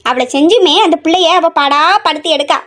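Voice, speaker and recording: Woman playing a nagging mother, very high voice. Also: a little fast, lightly acted. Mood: scolding. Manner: scolding, complaining nonstop. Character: nagging middle-aged mother, scolding and grumbling. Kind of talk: family comedy skit.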